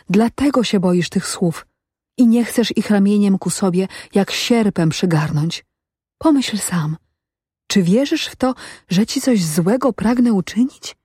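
A woman's voice: mid-range voice, breathy edge, no room sound, studio quality. Woman voicing a pleading water nymph. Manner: soft, pleading speech.

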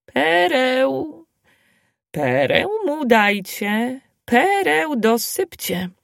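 A woman voicing a slow, calm old granny. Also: sits high, creaky, no room sound, clean studio sound, pitched above the performer's own voice, exaggerated voice. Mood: calm, insistent. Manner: slow drawn-out speech. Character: old wise spinning grandmother, slow and calm.

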